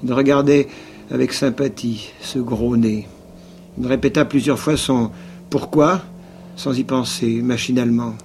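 A man reads a novel for a radio broadcast, and much of his narration drops to a near-whisper. His voice sits mid-pitch. Music plays clearly behind him on an archival recording. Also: fairly even intonation, moderate pace, a little mellow. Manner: narration dropping often to a low whisper, jealous outbursts in dialogue. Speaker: actor reading a novel aloud. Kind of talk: dramatized literary reading on radio.

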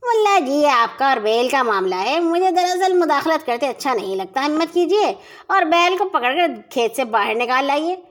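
Lady doing a brazen sweet-talking neighbor dude from a kids story, slow and coaxing. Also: high voice, sing-song. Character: smug, shameless male neighbor farmer.

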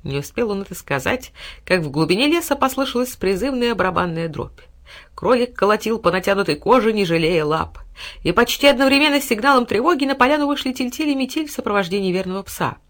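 A woman narrating a fairy-tale audiobook in an even, expressive storytelling voice. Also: mid-range voice, quick pace.

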